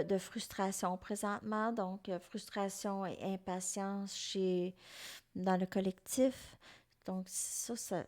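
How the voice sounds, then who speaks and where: Slow-talking Québécois woman tarot reader. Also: medium pitch, a little mellow. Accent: Québécois French. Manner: unhurried, musing, talks to viewers directly. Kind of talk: tarot reading for viewers.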